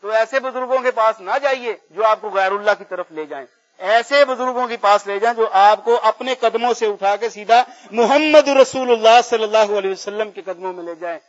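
A man leading a slow, drawn-out prayer at a gathering. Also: high voice. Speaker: prayer leader. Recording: muffled and distant from mic.

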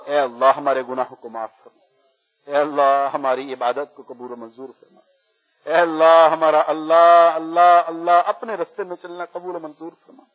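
A man leading a slow, drawn-out prayer at a gathering. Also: fairly high pitch, steady tone, a bit bright. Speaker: prayer leader. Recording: muffled and distant from mic.

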